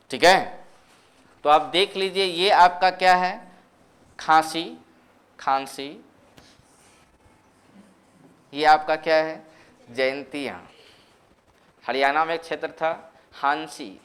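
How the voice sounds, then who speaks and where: Slow-talking male coaching teacher. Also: a little high, a bit bright. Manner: asks students questions and answers them himself; dictates notes slowly, repeating terms. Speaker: geography teacher. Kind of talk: coaching class lecture.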